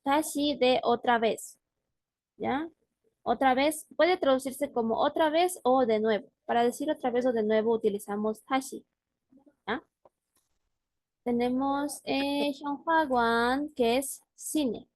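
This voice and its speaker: A woman's voice: high-pitched, slow, darkish tone, no echo. A woman teaching a language class on a video call, explaining words patiently and often checking in with her student. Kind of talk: online class.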